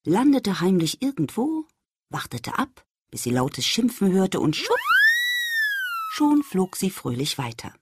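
A woman reading a children's story aloud, speaking gently and addressing the young listener directly. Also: medium pitch, huge pitch swings, measured pace, breathy edge.

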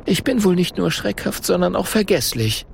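A man's voice: big pitch swings, moderate pace, vocal fry, slight background noise, heavily acted. A man voicing a skittish, forgetful old-time scribe who talks in a raised, nervous voice. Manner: nervous, higher voice.

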